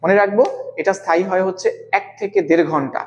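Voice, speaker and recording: Slow-spoken man teaching biology. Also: sits high, steady tone, highs cut off. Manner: slow, deliberate, repeats key terms and quizzes students. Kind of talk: live online class.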